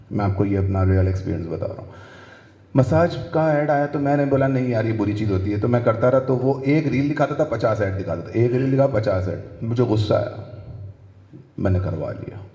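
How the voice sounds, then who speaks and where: Pakistani Urdu-accented comic in a roomy hall. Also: male voice, mid-range voice, lively intonation, mellow, dull audio. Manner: crude, acts out dialogue in quick voices. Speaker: stand-up comedian. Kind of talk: stand-up comedy set. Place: live comedy venue.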